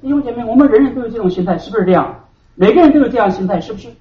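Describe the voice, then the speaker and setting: A man preaching a sermon to his congregation as their pastor. He hammers key words loudly, then drops to hushed asides. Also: extremely high pitch, animated, racing. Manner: emphatic preaching, swinging between loud stresses and hushed asides. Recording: roomy hall from a distant, dull mic.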